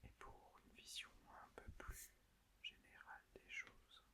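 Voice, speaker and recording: A woman presenting softly in an unvoiced, hushed library whisper, explaining things carefully in an ASMR style. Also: unhurried. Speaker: ASMR video host.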